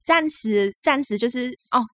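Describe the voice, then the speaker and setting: A woman from Malaysia with a Malaysian accent, co-hosting a casual podcast and telling stories in a lively way. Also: fairly high pitch, moderate pace, no room sound. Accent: Malaysian Chinese. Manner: lively, animated storytelling. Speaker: podcast co-host. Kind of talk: casual chat.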